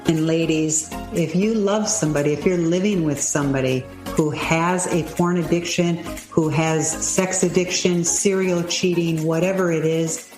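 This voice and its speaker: A woman co-hosting a webinar promo, making an enthusiastic sales pitch. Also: fairly even intonation, normal speed, hardly any pauses, roomy sound, soft background music.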